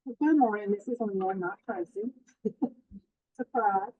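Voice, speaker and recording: A woman's voice: mid-range voice, slow, dry recording. A woman giving a committee report over a remote call, her voice muffled and underwater-sounding through a headset, with a plain, apologetic delivery. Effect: muffled, underwater-sounding remote headset audio. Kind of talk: reading a meeting report.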